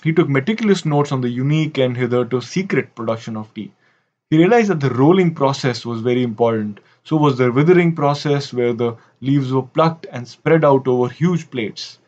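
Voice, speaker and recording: A man narrates history in a scripted but wry way, dropping casual asides. His voice sits at a middle pitch. The audio is dull and lo-fi. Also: normal speed, darkish tone. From India. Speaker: history video host.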